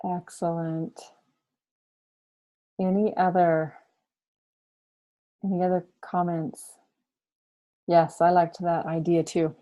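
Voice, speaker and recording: A woman teacher giving an online high school humanities lesson, explaining slowly and thinking aloud as she goes. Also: little pitch movement, dark tone. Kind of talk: online class lecture.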